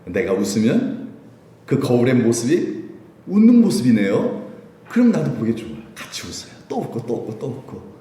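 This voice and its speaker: A man preaching a Sunday sermon in an animated way, laughing often and asking the congregation questions, in a church sanctuary. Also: medium pitch, moderate pace. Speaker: pastor. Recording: very echoey church hall.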